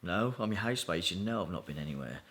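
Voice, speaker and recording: A man's voice: low-pitched, animated, quick pace, fairly bright tone. A man playing a housemate in a comedy sketch, exasperated and dismissive.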